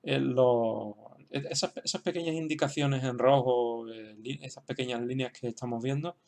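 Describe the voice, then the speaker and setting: A man's voice: medium pitch, moderate pace, vocal fry, darkish tone. A man from explaining a language lesson in an unscripted way, hesitant, with many fillers and restarts. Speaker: teacher.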